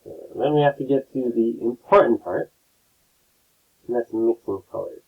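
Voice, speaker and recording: A man teaching a painting lesson step by step, his audio a low-quality, tinny stream as he keeps checking in with his students. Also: moderate pace, gravelly, husky. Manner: relaxed, explains step by step, keeps checking in with "right?". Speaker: art teacher. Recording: tinny lo-fi phone-like sound.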